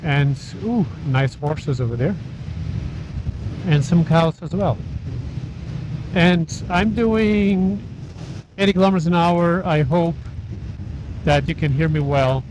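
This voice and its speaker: A man vlogging casually and haltingly from inside a motorcycle helmet as he rides, with wind and engine noise. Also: on the high side. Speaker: motovlogger. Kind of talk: casual vlog talk while riding. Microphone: small wireless mic inside helmet.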